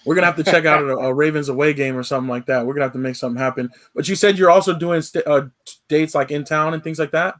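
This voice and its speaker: A man hosting a casual sports podcast, laid-back and relaxed, with frequent fillers. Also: a little high, racing. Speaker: podcast host. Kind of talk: casual sign-off chat.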